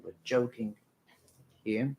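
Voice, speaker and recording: A man's voice: mid-range voice, slow pace, creaky, darkish tone, breathy edge, rough recording. A man from Italy with an Italian accent, speaking English in casual banter and stubbornly denying his bandmate's teasing. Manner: dry, stubborn denials. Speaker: band member co-hosting a stream.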